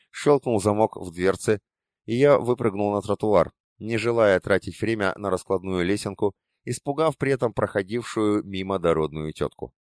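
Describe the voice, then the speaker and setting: Low-voiced male audiobook narrator. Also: no echo, clean studio sound. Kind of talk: first-person audiobook narration.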